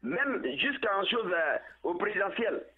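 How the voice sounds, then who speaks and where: A man calling in over a poor phone connection, giving political commentary in a halting way and repeating words as he searches for them. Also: high voice, animated. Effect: tinny phone line with poor connection. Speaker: phone-in caller. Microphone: telephone. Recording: tinny phone line.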